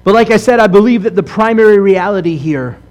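High-voiced man preaching earnestly. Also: lively intonation, fast, a little mellow. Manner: earnest preaching, rhetorical questions, frequent "right?". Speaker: rabbi. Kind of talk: sermon.

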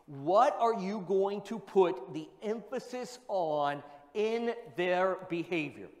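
High-voiced male preacher in an echoing hall. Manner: asks rhetorical questions and repeats key points for emphasis. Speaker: pastor. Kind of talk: sermon. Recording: long reverb of a large hall.

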